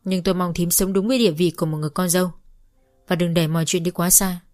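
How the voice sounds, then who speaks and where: A woman voicing a grown husband who reasons in a measured, reproachful way. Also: on the low side, fairly even intonation, darkish tone, soft background music, natural voice.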